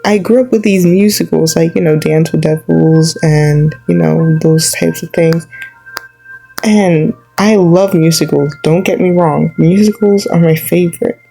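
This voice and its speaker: A woman's voice: deep voice, measured pace, gravelly, warm tone, faint music behind, poor audio. A young woman vlogger rambling through an opinionated rant, filling her talk with "like" as she goes. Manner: rambling, opinionated, heavy use of "like".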